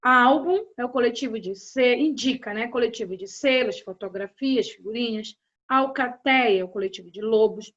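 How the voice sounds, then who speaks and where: A woman teacher with a Brazilian Portuguese accent, giving a grammar lesson and talking straight to her students in a slow, deliberate way. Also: on the high side, fairly bright tone. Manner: slow, deliberate explanation addressing students directly. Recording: dull lo-fi audio.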